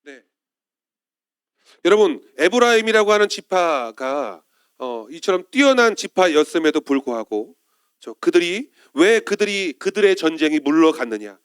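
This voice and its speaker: A man's voice: a little high, very animated, measured pace, smooth, no echo, studio quality. A male pastor preaching a Sunday sermon in church, often turning to the congregation with questions.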